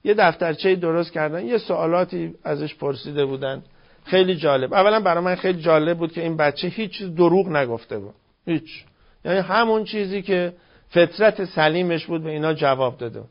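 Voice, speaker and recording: An older man giving a moral lecture in sermon style, with slow, emphatic phrasing and rhetorical questions. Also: a little high. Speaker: religious lecturer. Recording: dull lo-fi recording.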